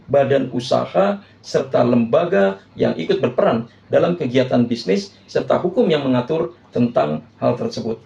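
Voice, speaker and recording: A male lecturer reads through a course overview in a formal, steady way, stopping now and then on hesitant fillers. His voice is gravelly and mellow. The recording is dull and roomy, with a clear echo. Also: mid-range voice. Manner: formal, listing points with filler pauses. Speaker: university lecturer.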